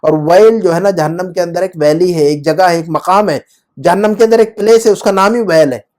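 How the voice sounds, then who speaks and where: A man's voice: high-pitched, a little mellow. Patient man teaching Arabic grammar. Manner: explanatory, checks understanding with frequent questions. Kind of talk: explaining Arabic grammar in Urdu.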